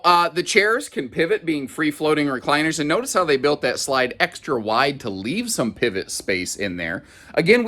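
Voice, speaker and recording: Guy showing off a trailer on his camera, kinda high pitched, bouncy delivery, lots of uh's. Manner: chatty, folksy, lively with many fillers. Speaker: RV dealer giving a walkthrough. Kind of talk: casual video walkthrough. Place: inside a trailer.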